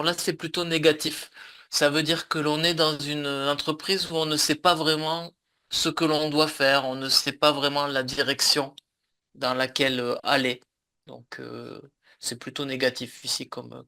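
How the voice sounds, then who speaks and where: A man with a medium-pitched, bright, forceful voice teaches an online French lesson over a video call, explaining patiently with lots of fillers and repeats.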